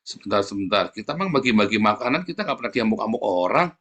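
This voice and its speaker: Male pastor, middle-aged, animated storyteller, bright tone. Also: fairly low pitch, quick pace. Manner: casual, animated, acts out dialogue. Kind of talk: conversational sermon.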